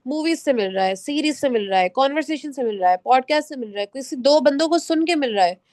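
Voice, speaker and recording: High-voiced Pakistani woman teaching English. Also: animated, a little mellow, no echo. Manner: switches between Urdu and English, reads slide points slowly and firmly. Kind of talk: online class lecture.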